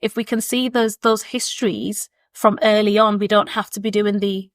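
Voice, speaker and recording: This podcast guest, an education consultant in her 20s who was born in Zimbabwe and grew up in Leeds, talks at a normal pace in a mid-range voice with fairly even intonation. Seated with the hosts, she answers thoughtfully and sincerely, frequently repeating words while working out her ideas. The sound is clean studio audio with no room noise.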